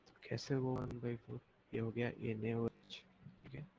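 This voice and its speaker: A young man teaching chemistry in an online class, explaining slowly and repeating himself while he quizzes his students. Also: mid-range voice, level tone, vocal fry, warm tone. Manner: slow, repetitive explaining, mixing Hindi and English, asking students questions. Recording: dull lo-fi audio with faint noise.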